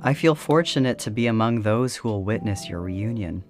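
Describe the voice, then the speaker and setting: A woman's voice: a bass voice, animated, normal speed, a little mellow, soft background music. A woman playing an earnest archivist in an audio drama, hesitant when pressed. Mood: warm. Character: calm archivist Phe, earnest woman host.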